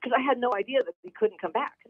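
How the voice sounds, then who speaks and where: A middle-aged woman from the San Diego area, calling in to a radio show and telling a story in a lively, chatty way. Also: fast talker, no echo. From San Diego area, California. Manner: lively, chatty, quotes people with big pitch jumps. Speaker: guest caller. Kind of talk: casual storytelling on a radio call-in. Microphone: telephone. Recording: tinny phone line, dry.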